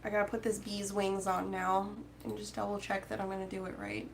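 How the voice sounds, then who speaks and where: Woman, mid-pitch, casual crafting vlogger; rambling, filler-heavy chat, faint hiss behind. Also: brisk, vocal fry. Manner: chatty and rambling, reading out viewer comments, many fillers. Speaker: crochet vlogger chatting with live viewers. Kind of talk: casual crochet-along chat.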